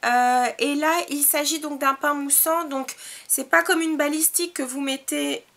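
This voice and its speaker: A woman with a high, light voice, chatting through her beauty purchases. She speaks casually and hesitantly, pausing on fillers and restarting her sentences. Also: fairly even intonation, fairly bright tone. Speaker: beauty vlogger. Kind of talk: casual product haul review.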